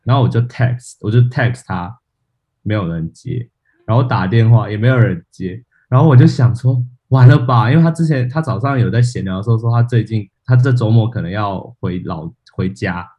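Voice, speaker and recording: A man's voice: lowish voice, fairly quick, slightly rough, dull audio. A man co-hosting a podcast, casually telling a funny story about himself, laughing at his own mishaps and acting out what people said. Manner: animated storyteller, laughs at himself, acts out quotes. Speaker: podcast co-host.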